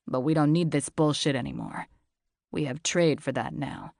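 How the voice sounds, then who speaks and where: A brooding, cynical stranger with a low, gravelly voice, as a woman narrator puts him on. He talks bluntly and dismissively, with a commanding edge. The audiobook recording is dry and close. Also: moderate pace, a little mellow, no room sound. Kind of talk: audiobook character voice.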